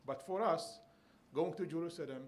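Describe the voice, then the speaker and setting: A man's voice: fairly high pitch, moderate pace, slight background noise. Man from Bethlehem telling a story. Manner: earnest storytelling with light humor. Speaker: conference panelist. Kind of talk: personal story at a panel.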